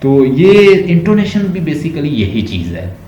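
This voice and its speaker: A man with a Pakistani Urdu accent teaching an online class, explaining slowly and repeating words to show how they sound. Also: fairly high pitch, very animated, dark tone, reverberant, lo-fi sound.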